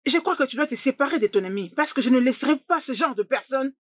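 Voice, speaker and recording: A stern, husky young woman. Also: high voice, animated, quick pace, dry recording. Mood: angry. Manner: confrontational, insistent. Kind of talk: dubbed drama dialogue.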